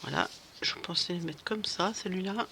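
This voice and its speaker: A woman talks her way through a crafting project in a loose, rambling vlog chat, stumbling over restarts and fillers. Her voice is bright and a little sharp, with a faint hiss in the background. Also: fairly low pitch, lively intonation, moderate pace. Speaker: crafting vlogger. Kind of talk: casual chat while crafting.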